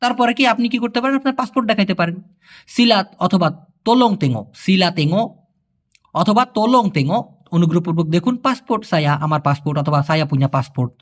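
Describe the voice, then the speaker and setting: Man, from Bangladesh, language tutor, high voice, very animated pitch, patient explanations, repeats phrases slowly. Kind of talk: casual spoken language lesson.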